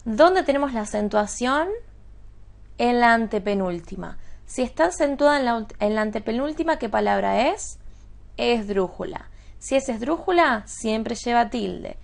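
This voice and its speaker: Woman teacher, slightly high voice with gravel, measured lesson delivery, keeps checking the class understands. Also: lively intonation. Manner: deliberate, checks understanding with quick questions. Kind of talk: spoken grammar lesson.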